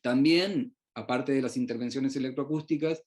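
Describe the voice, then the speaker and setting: A middle-aged man, born in Uruguay and raised in Chile, gives an online research presentation, halting often with fillers and restarts. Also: mid-range voice, a little mellow. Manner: hesitant, many fillers and restarts. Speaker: researcher presenting his work.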